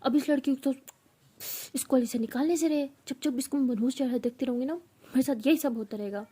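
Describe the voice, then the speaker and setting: A woman's voice: high-pitched, fairly quick, warm tone, breathy edge. A woman voicing a defiant young female junior student, talking back in a cheeky, combative way. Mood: angry.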